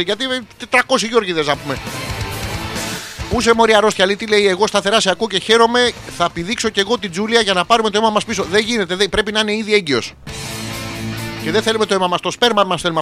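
A man in his forties hosting a comedic radio show, rambling crudely through listener messages with sudden outbursts. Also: high-pitched. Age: 40s. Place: radio studio.

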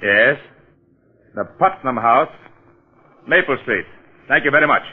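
Brisk, edgy police detective, muffled radio. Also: male voice, mid-range voice, animated, slightly rough. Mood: urgent. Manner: brisk, commanding. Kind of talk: 1940s radio crime acting. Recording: muffled old radio recording.

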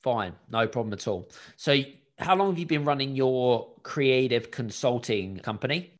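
A business coach and podcast host leads an upbeat coaching conversation, putting direct questions to his guest. He speaks in a mid-range voice at a moderate pace, with lively intonation.

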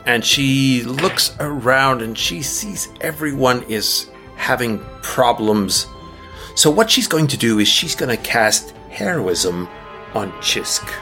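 A man's voice: mid-range voice, lively intonation, takes it slowly, sharp tone, soft background music. A man running a tabletop game as game master, describing the action and patiently explaining rules, laughing often.

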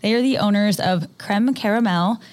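A woman's voice: medium pitch, normal speed, darkish tone. Enthusiastic woman podcast co-host. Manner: enthusiastic, gushing. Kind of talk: casual podcast chat.

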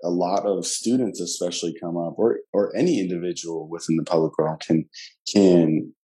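Low, dark-voiced male podcast host. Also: steady tone, normal speed, low-quality recording. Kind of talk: podcast conversation.

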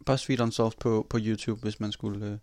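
A man in casual chat telling a personal story in an animated way, swearing casually. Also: fairly low pitch, dry recording, studio quality.

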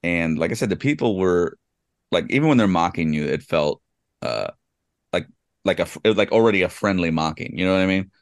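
Deep, gravelly man chatting loosely. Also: expressive, brisk, no room sound, studio quality. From California. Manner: rambling, many fillers and restarts. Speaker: podcast co-host. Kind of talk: casual chat.

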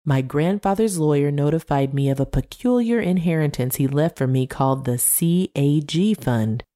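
Brief: woman narrator, low voice, mellow, measured reading. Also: animated. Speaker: storyteller. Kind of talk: scripted story reading.

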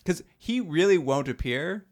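A man's voice: a little high, lively intonation, measured pace, a little mellow. A man hosting a casual podcast chat about an old movie, laughing often between his points. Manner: laughs often, mimics characters in quotes. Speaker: podcast host.

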